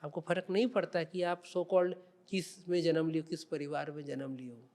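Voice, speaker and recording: A man's voice: fairly high pitch, steady tone, moderate pace, a little mellow. A man speaking as a religious guest on a podcast interview, explaining spiritual teachings in an emphatic, preaching way.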